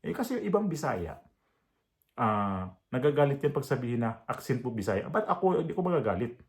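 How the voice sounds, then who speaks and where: A man from the Visayas talks through a reaction video in his heavy Visayan accent. He is blunt and proud, circling back with fillers and restarts, at an everyday middle pitch. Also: big pitch swings, a little fast. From Visayas, Philippines. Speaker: reaction vlogger. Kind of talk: casual commentary.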